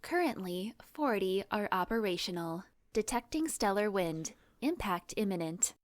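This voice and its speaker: A woman's voice: medium pitch, normal speed, no room sound, clean studio sound, close to an everyday voice. A woman as eerily polite rogue ship computer. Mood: polite, detached. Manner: formal, flat courtesy while refusing. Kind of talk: science fiction audio drama.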